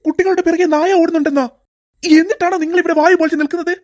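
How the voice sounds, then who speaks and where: Woman voicing a flustered shouting schoolteacher. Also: very high voice, fairly even intonation, very fast. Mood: alarmed. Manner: shouting orders in alarm. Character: flustered male schoolteacher, bossy and alarmed.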